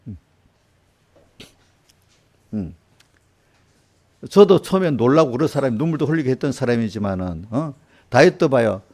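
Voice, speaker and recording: A man's voice: mid-range voice, mellow. An older man preaching a sermon as a pastor in a church, talking conversationally with rhetorical questions and acted-out quotes. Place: church sanctuary.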